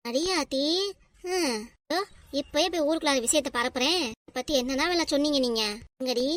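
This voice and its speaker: A high, fast-talking cartoon gossip aunt, played by a woman, nosy and scheming, with a Tirunelveli Tamil accent. She exclaims her way through everything she says. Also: fairly bright tone, no room sound, clean studio sound. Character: nosy middle-aged village gossip woman.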